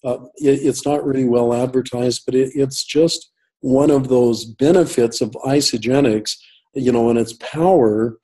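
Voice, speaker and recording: A man's voice: medium pitch, measured pace, warm tone, breathy edge, low-quality recording. A man telling a long personal story as an interview guest over a call, rambling with many fillers and restarts. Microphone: call audio.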